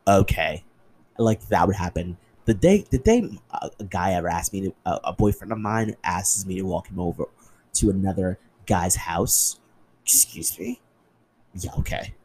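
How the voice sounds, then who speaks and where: A young man hosts his podcast alone and tells stories in a loose, animated chat. His voice sits low and a bit husky, and it leaps high whenever he makes a point. He swears freely and talks like he is gossiping with friends. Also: moderate pace, poor audio. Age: young adult. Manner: animated, swearing, jumps in pitch for emphasis. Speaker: podcast host. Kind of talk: casual solo podcast chat.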